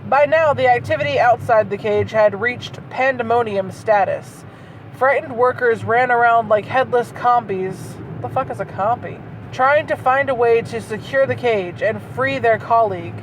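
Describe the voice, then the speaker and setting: Captured with poor audio, a woman speaks at a moderate pace in a slightly high voice, reading bad fan fiction with theatrical flair and mocking it through incredulous, sweary asides. She's inside a moving car, and the road noise is distinct.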